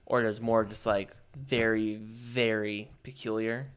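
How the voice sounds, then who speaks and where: A man's voice: fairly low pitch, level tone, slow pace, clean tone. A man co-hosting a podcast, casually telling an anecdote in a laid-back way, full of "like". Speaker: podcast co-host.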